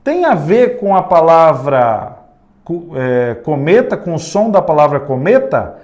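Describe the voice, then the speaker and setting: A man with a Brazilian Portuguese accent teaching an exam-prep grammar lesson, often turning to the class and saying words slowly, syllable by syllable. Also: fairly high pitch, sing-song, a little mellow.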